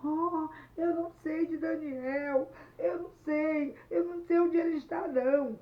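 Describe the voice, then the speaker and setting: A woman's voice: sits high, steady tone, measured pace, echoey room, pitched above the performer's own voice. Woman doing a sobbing young boy. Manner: sobbing, insisting it was not his fault. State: crying. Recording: dull lo-fi sound, slightly distant, faint noise.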